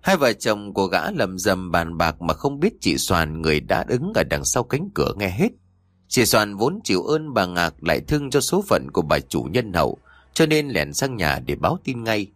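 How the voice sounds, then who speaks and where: A man narrating a dark folk tale in dramatic storytelling style. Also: deep voice, big pitch swings, moderate pace, no room sound. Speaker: audiobook narrator.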